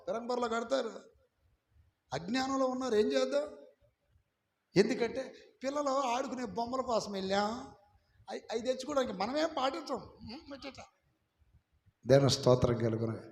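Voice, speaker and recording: A man preaching a sermon as pastor, calling on the congregation to repeat his words back loudly. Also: very high voice, animated, normal speed, long pauses. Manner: preaching with call-and-response, urging the congregation to repeat. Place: church hall. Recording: echoey hall, some of it from far off.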